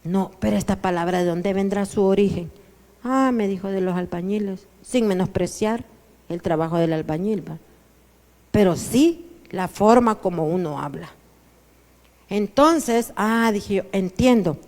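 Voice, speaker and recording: A woman pastor with a Honduran Spanish accent, preaching a sermon that swings between soft asides and loud declarations. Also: mid-range voice, a little slow. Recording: church hall with long reverb.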